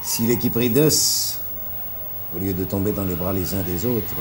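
A man telling a frightening story on television in a theatrical way, dropping to hushed tones and rising to cries. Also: deep voice, measured pace, slight background noise. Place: television studio set of a haunted castle.

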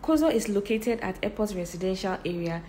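A woman's voice: mid-range voice, lively intonation, brisk, mellow, a little hiss or hum. A woman with a Ghanaian accent narrating a vlog as its host. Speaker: vlogger. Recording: music behind the voice. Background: music.

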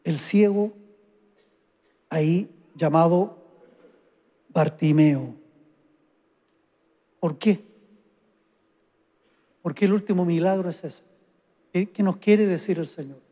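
Pastor guy preaching, high voice, big echoey church hall, gets fired up and stretches out his words. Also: warm tone. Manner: rising to fervent exhortation, drawn-out calls. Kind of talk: sermon. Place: church sanctuary. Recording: hall reverb.

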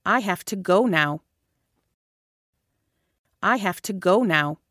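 A woman's voice: mid-range voice, lively intonation, slow pace, a bit bright, no echo, clean studio sound. A woman teaching English phrases, saying each one whole, then word by word. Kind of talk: slow repeated phrase drilling.

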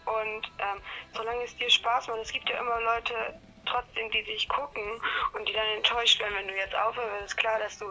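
Young woman, over the phone, casual, bright tone, speakerphone sound, faint music. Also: fairly high pitch, little pitch movement, fairly quick, low-quality recording. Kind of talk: casual chat.

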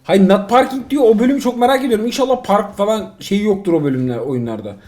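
This middle-aged dad, high-pitched and quick to talk, casually comments while he and his son play a mobile driving game. He's excitable one moment and exasperated the next, cracking jokes throughout.

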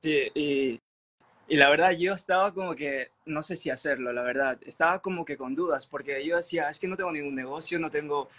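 Young man from Ecuador, video call, eager admiring testimonial, a bit higher-pitched. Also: brisk, fairly bright tone. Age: young adult. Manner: eager, admiring, many fillers like "o sea" and "te juro". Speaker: mentorship student. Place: indoor room.

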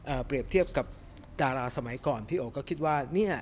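A middle-aged man giving a casual, animated film review to camera in a cinema lobby, chatting with lots of fillers. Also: on the high side, fast, slight background noise. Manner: chatty and animated, refers to himself by nickname, many fillers. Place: cinema lobby in front of a movie poster, indoors.

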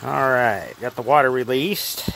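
A man's voice: medium pitch, unhurried, creaky, a bit bright, a little hiss or hum. Folksy man in his garage. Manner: folksy, rambling, addresses viewers as y'all. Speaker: car restoration vlogger. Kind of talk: casual garage walkthrough.

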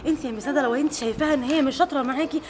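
A woman with an Egyptian accent playing a calm female school principal who keeps pleading for calm in an amateur family skit. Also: sits high, very fast, noisy background, close to an everyday voice. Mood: placating. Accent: Egyptian Arabic.

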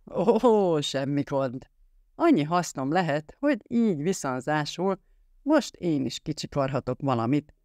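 A man's voice: a little high, very animated, a little mellow, dry recording, studio quality. A male narrator voicing a playful grown man who jokes in mock-formal tones, in an audiobook.

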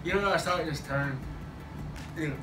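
Higher-pitched young man, lips stretched wide. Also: moderate pace, music in the background. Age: young adult. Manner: talking with lips stretched wide by a mouth retractor, slurred consonants. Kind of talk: casual banter during an eating challenge. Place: indoor room at a table. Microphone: distant camera. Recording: echoey room, distant mic, noisy background.

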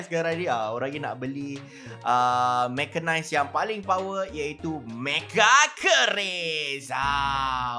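A gaming YouTuber with a Malaysian accent gives excited, animated gameplay commentary mixed with roleplay. His slightly high voice is packed with exclamations and drawn-out words.

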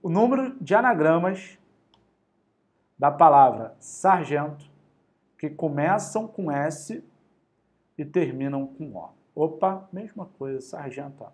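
A man with a Carioca accent teaching an energetic online exam-prep math lesson in a lively, slangy, motivational way. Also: fairly high pitch, takes it slowly. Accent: Carioca Brazilian Portuguese.

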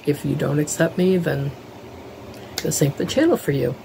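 A middle-aged woman talks casually to a webcam in her living room. She sounds earnest and a little nervous, filling pauses with "um", while a faint air conditioner hums behind her. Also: deep voice, gravelly, dark tone, slight background noise, poor audio. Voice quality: lisp. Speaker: vlogger. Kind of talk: casual talk to camera. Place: living room at home, indoors. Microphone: webcam at desk, close framing.

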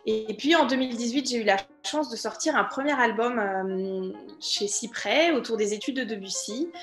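A French woman in her thirties, a pianist, talks over a video call from a room at home. Her voice sits a little high, and she hesitates and restarts as she thinks. The room is echoey, and soft music plays underneath. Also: moderate pace. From France. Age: 30s. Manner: thoughtful, many hesitations and restarts. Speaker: concert pianist. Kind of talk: remote interview.

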